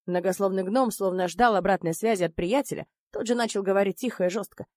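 A woman narrating a first-person audiobook in a wry, expressive way. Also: medium pitch, fast, dry recording.

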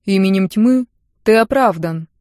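A woman voicing a blond man of a dark order with a cutting, declarative voice who teases his comrade. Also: mid-range voice, measured pace, no room sound, clean studio sound, close to an everyday voice. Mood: formal.

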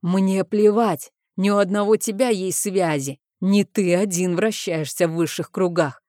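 A woman's voice: mid-range voice, a little slow, dark tone, no echo, clean studio sound, close to an everyday voice. A woman reading the part of an angry young father who barks threats down the phone in an audiobook. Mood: furious. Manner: barking, threatening.

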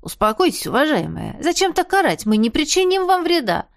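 A woman voicing a flustered young female friend in a storybook, squeaking her words. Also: big pitch swings, fairly quick, no room sound, studio quality.

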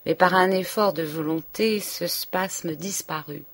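A woman's voice: fairly low pitch, measured pace. A woman narrating a novel as an audiobook, reading expressively and dropping to a whisper at tense moments. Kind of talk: scripted narration.

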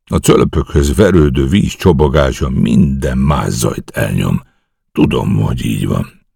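A man's voice: very deep voice, creaky, mellow, breathy edge, dry recording, studio quality, exaggerated voice. A man reading the lines of an eager young commando officer who earnestly reports a risky night mission to his superiors.

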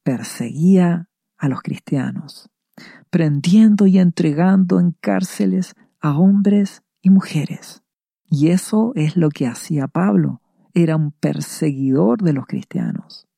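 Preacher, sermon, slow and deliberate, very dark mellow tone, dry close sound. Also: medium pitch, creaky, slightly rough, dry recording. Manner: deliberate, asks and answers rhetorical questions. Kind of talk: radio sermon reading scripture.

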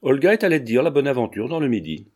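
Man, audiobook narrator, measured steady reading, dark mellow voice. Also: medium pitch. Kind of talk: scripted narration of a novel.

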